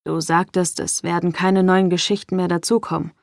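A woman's voice: on the low side, level tone, normal speed, gravelly, no room sound. Curt, arrogant young man, cold and lecturing; a woman reads him, dry close sound. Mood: probing.

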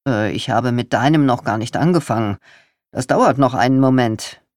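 A man's voice: medium pitch, moderate pace, no room sound, clean studio sound, natural voice. A reader voicing Walter, a fussy older husband who is proud of his bicycle work and defensive when nagged. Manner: defensive, self-important.

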